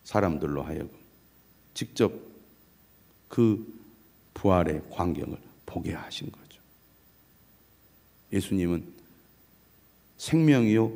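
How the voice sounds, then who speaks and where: A middle-aged man, a pastor, preaching an early morning sermon in a measured way and reading scripture aloud. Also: low-pitched, creaky, warm tone.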